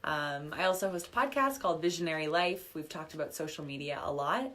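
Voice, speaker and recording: A woman's voice: low-pitched, brisk, a bit bright. A woman in her thirties, a business coach, running a live online workshop in a chatty, upbeat way with lots of fillers, her voice a little worn. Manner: chatty, upbeat, filler-heavy, reading chat comments aloud. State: slightly losing her voice. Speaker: business coach and podcast host.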